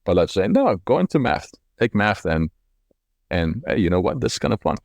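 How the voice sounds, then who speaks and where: In a clean studio recording with no echo, a Colombian company CEO in his forties from Cali reflects on his life story during an interview. He speaks conversationally and repeats words. His lowish, gravelly voice swings widely in pitch and runs a little fast.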